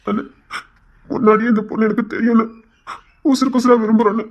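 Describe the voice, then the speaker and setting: A man's voice: very high-pitched, flat delivery, fast, highs cut off. A young man acting a pleading, apologetic lover in an audio drama.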